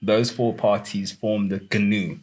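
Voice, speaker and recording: A man's voice: on the low side, little pitch movement, slow, darkish tone, slightly rough. A young South African man co-hosting a podcast in loose, rambling casual chat, laughing often and calling his friend bro and dude. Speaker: podcast co-host.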